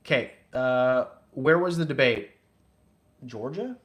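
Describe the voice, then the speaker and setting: A young man, a reptile breeder who hosts his own channel, runs a casual livestream where he reads out donations and chats in a loose, jokey, rambling way. He has a medium-pitched, somewhat bright voice and talks at a slow pace.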